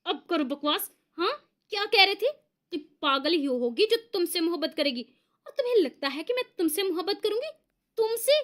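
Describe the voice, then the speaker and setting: A woman voicing a quick-tempered young woman who scolds and shrieks in indignation. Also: animated. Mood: furious. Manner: indignant, scolding, shrill outbursts.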